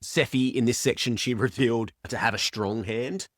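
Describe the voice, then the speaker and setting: A man's voice: normal speed, dry recording, clean studio sound. A man talking casually about a book he is reading, rambling and correcting himself as he goes. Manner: chatty, rambling, self-correcting, animated pitch jumps. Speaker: book reviewer. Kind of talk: casual reading-reaction vlog.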